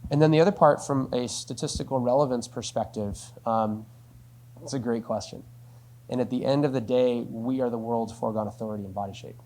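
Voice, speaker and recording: A man's voice: medium pitch, brisk, a little mellow. A man answering a business question in a conversational Q&A, explaining step by step and often tagging sentences with "right?". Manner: explanatory, uses frequent "right?" tags. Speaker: company spokesperson answering questions.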